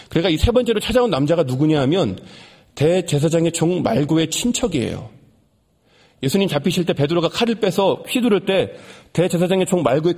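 A man preaching a sermon and retelling a story with dramatic swings, rising for emphasis and dropping to soft, hushed lines. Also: a little high, husky. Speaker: pastor.

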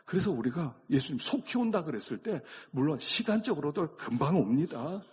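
A man preaching a sermon as a pastor, swinging between loud exclamations and hushed, near-whispered lines. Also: on the high side, big pitch swings, fairly quick, husky.

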